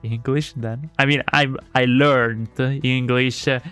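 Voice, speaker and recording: Faint music plays behind a man whose mid-range voice is clear, resonant and a bit bright, with fairly even intonation and a slow pace. A native Italian speaker with an Italian accent, he reads a visual novel aloud on stream and chats with viewers, with plenty of fillers and restarts.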